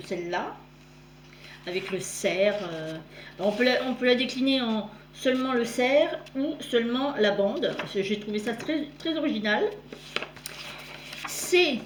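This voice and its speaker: A middle-aged woman showing her sewing and embroidery gifts in a chatty, halting way, with many fillers and self-corrections. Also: on the high side, echoey room, background noise. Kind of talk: casual show-and-tell.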